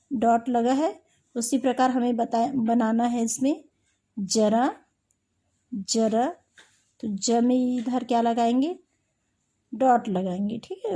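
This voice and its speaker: High-voiced woman teaching slowly. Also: mellow. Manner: patient, asks questions and answers them herself. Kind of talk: recorded class lesson.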